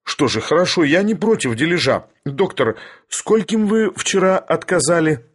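A man playing an imperious, irascible older professor in a storybook reading, ironic and lecturing, then thundering down at those beneath him. His husky, breathy voice sits a little raised and rings with authority. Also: a little high, expressive, moderate pace, pitched above the performer's own voice. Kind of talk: audiobook character voice.

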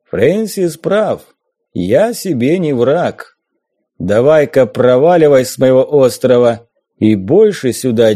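A man voicing a gruff, commanding ghost pirate captain in an audiobook. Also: medium pitch, warm tone. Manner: slow, commanding.

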